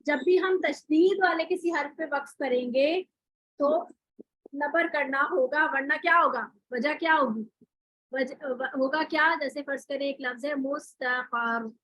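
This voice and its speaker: A woman's voice: sits high, a little slow, fairly bright tone, no echo, rough recording. A woman teaching Quran recitation in an online class, explaining rules step by step with rhetorical questions and spoken examples.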